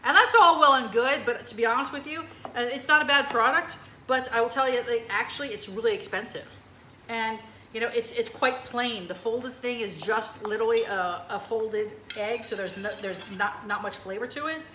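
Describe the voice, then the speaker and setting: Chatty, bright woman hosting a cooking show. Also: fairly high pitch, normal speed, roomy sound, a little hiss or hum. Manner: chatty and enthusiastic, with many fillers. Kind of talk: casual cooking demonstration. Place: kitchen.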